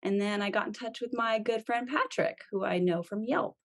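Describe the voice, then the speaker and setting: A woman's voice: mid-range voice, moderate pace. A woman talking about herself on a podcast in an upbeat, easy way. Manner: upbeat, laughs easily. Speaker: social media specialist. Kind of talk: casual podcast chat.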